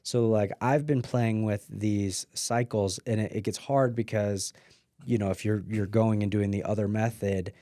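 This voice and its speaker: Casting: man, lowish mellow voice, loose filler-heavy chat, dry close sound. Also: fairly even intonation, normal speed, no echo. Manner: rambling, filler-heavy, trails off quietly. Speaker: podcast guest. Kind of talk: casual conversation. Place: mountain home.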